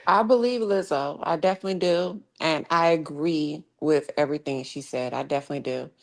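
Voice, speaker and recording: A woman with a very low voice co-hosts a casual gossip livestream. She presses her points with emphasis and says them twice over. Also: brisk, vocal fry. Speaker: co-host.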